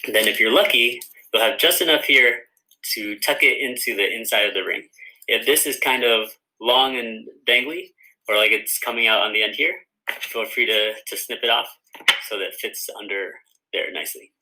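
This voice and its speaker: A man's voice: medium pitch, normal speed, bright, forceful tone, rough recording. A man who writes children's books, giving a friendly step-by-step craft tutorial for kids. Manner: friendly, guiding viewers through each step. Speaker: children's author teaching a craft.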